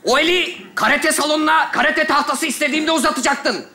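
A man's voice: very high voice, fairly quick, bright, forceful tone. A man playing a brash, threatening teacher in a stage comedy sketch.

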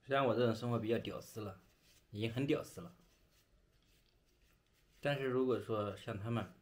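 Young man, low voice, mouth full of food, casual chat, chewing between phrases. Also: normal speed. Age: young adult. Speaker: vlogger. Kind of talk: casual chat while eating. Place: small indoor bedroom.

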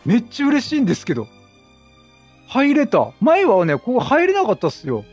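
A let's play streamer with a very high, darkish voice chats casually at normal speed while commentating on a video game, his pitch swooping wildly. Game music plays behind him as he reads the dialogue aloud in acted voices, dubbing the characters on the fly.

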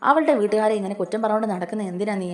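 A woman plays a stern middle-aged mother giving orders in quick, firm bursts. Her voice stays mellow and low in brightness. She scolds without pause. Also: lively intonation, close to an everyday voice. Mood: scolding. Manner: scolding, commanding.

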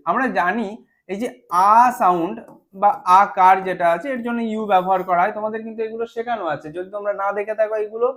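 In a high, fairly bright voice, a man patiently teaches a spelling lesson step by step, slowing down to spell words out and often checking "right?".

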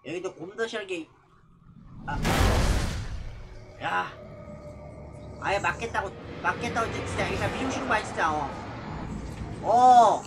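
A man's voice: high voice, moderate pace, long pauses, very noisy. A man streaming a horror game live, startled and exclaiming, muttering to himself as he plays. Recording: game music behind the voice. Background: horror game music.

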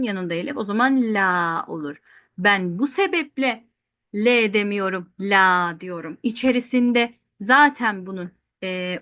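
A woman's voice: a little high, a bit bright, no room sound. A woman teaching Quranic recitation rules in an online lesson, explaining patiently and often repeating points. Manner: explains patiently, repeats rules, asks questions then answers them.

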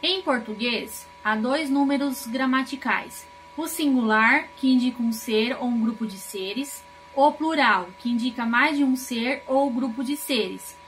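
A woman from Brazil, a teacher, giving a recorded grammar lesson and explaining slowly with rhetorical questions. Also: high-pitched, fairly bright tone, slight background noise.

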